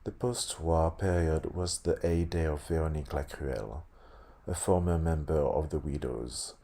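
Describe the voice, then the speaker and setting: A man with a lisp reading aloud haltingly, stumbling and correcting himself, with casual asides. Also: a bass voice, warm tone. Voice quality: lisp on s sounds. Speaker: host reading a tabletop game sourcebook aloud.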